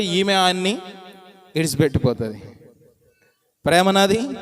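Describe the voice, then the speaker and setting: A man's voice: extremely high pitch, a bit bright. A man. He builds his points through rhythmic repetition and keeps asking the listeners to call back their answers. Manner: calls on the congregation to answer aloud; rhythmic, repeating phrases for emphasis. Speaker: pastor. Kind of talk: sermon.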